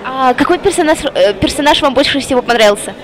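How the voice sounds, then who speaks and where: A TV reporter presents and asks questions on location in a cinema foyer, doing vox-pop interviews. Her high voice is animated and fast, surrounded by the crowd noise of a busy public hall.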